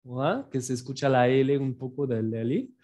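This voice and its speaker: A man from France, teaching phrases in a patient online lesson and repeating each phrase slowly for learners. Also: mid-range voice, steady tone, dark tone, dull audio. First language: French. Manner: writes on a board while explaining. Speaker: French teacher.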